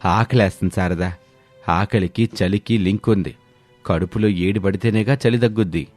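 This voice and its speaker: Give me a man playing an older cartoon father-in-law who coaxes the family into making spicy dishes. His voice is low and dry, with soft music under it. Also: moderate pace, no echo. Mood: coaxing. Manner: coaxing, easygoing.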